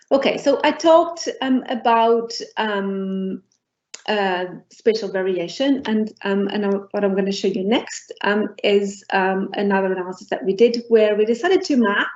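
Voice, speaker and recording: A woman's voice: mid-range voice, a little mellow. Hesitant woman lecturer from Portugal. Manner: hesitant, many ums and restarts. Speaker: professor giving a talk. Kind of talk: academic lecture. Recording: dull lo-fi recording.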